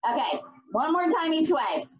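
A woman's voice: sits high, lively intonation, moderate pace, dull audio. A woman speaking as an aerobics instructor for kids, calling out drills and counts in short, encouraging commands. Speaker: kids' fitness instructor.

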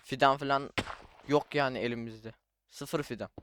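A young gaming YouTuber casually narrates his own Minecraft playthrough, chatting to himself and his viewers as he plays and frequently saying "abi" and "arkadaşlar." His voice is medium-pitched with fairly even intonation and a moderate pace, against a noisy background.

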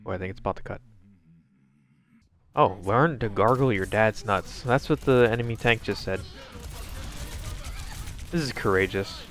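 A man's voice: lowish voice, normal speed, long pauses, a bit bright. A man giving wry, sarcastic running commentary on his own gameplay, swearing freely.

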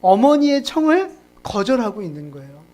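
A pastor delivers a sermon at a church service in a relaxed, conversational voice of middle pitch. The preacher jokes and laughs along the way and keeps turning to the congregation with questions. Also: moderate pace.

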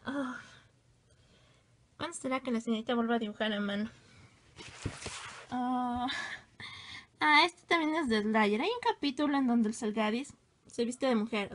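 A woman casually showing off her old hand drawings, gushing and exclaiming as she goes. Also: fairly high pitch. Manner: gushing, exclamatory, self-teasing. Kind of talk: casual show-and-tell.

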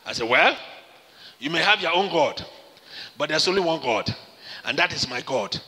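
A man's voice: fairly high pitch, expressive, moderate pace, pushed and bright, in a large hall. A man preaching a sermon as pastor, emphatic and acting out the conversations he retells. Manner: emphatic preaching, acts out quoted exchanges.

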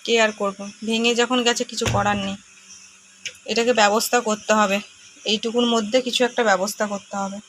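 A woman in her thirties with a Bengali accent, talking quietly and gloomily in a casual home vlog. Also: level tone, a little hiss or hum. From India. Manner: speaks softly and slowly, low mood. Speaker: vlogger.

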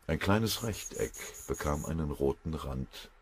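A man narrating an audiobook in an even, measured reading style. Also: extremely low pitch, slight background noise. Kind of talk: scripted narration.

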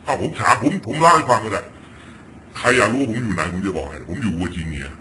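A man from Thailand delivers blunt, crude political commentary, swearing freely in an animated, swinging voice. His tone is bright and forceful, with a faint hiss of background noise under the home recording. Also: fairly low pitch, fast. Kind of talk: ranting political commentary clip. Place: home in Virginia.

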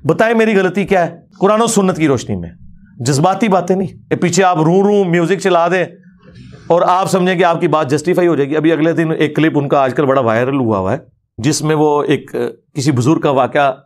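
A male religious lecturer giving critical commentary on a clip in an argumentative, challenging manner. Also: fairly high pitch.

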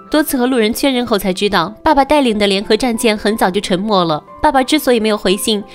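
A woman narrating a film recap in a scripted storytelling style. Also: a little high. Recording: narration over faint background music.

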